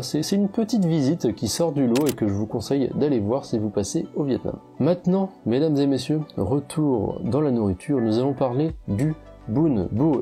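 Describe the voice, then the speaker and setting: A young man with a strong French accent tells his travel stories in a loose, chatty way, full of hesitations and restarts. His voice is very dark and mellow. Faint music plays under him. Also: mid-range voice. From France. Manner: chatty, many fillers and restarts. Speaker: travel photographer vlogger. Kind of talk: casual travel storytelling.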